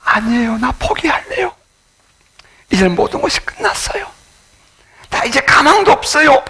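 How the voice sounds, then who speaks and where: A man's voice: extremely high pitch, sing-song, moderate pace, bright, forceful tone, voice pushed up, exaggerated voice. A man playing a despairing person giving up. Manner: weary, defeated complaining. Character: despairing adult who has given up.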